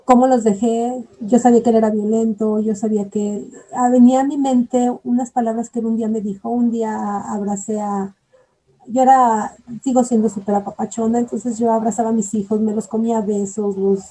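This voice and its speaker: A woman's voice: a little high, steady tone, a little fast, dark tone, rough recording. A woman giving an earnest, reflective personal testimony, often repeating herself as she searches for words. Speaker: bereaved mother giving testimony.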